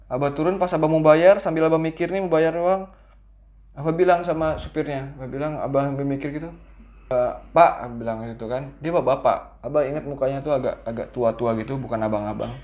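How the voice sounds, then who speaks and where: A middle-aged man telling his children a story from his own childhood in a casual, lively way, acting out his younger self. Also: mid-range voice, fast, lo-fi sound. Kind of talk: casual bedtime-style storytelling.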